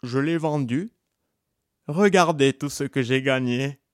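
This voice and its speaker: A man voicing a village simpleton in a folk tale, with high-pitched, drawn-out wailing cries. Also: clear, resonant tone, no room sound, clean studio sound, natural voice. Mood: blunt. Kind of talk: storytelling.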